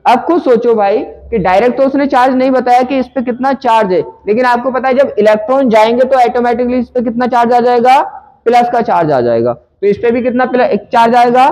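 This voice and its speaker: A man with a strikingly high voice teaching a physics numerical problem. He talks in a conversational way, keeps asking the class questions and then answers them himself. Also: darkish tone, rough recording. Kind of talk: explaining a numerical problem to students.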